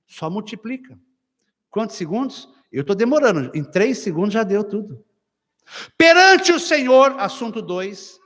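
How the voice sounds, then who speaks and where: A man with a high voice preaches a lively sermon and acts out household quarrels with humor. The long reverb of the church hall carries every phrase out into the room. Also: moderate pace.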